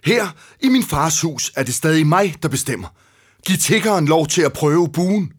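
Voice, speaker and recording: A man's voice: fairly high pitch, expressive, breathy edge, voice pushed up. A man voicing a young prince in a storybook reading, speaking in a commanding way. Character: young prince asserting authority.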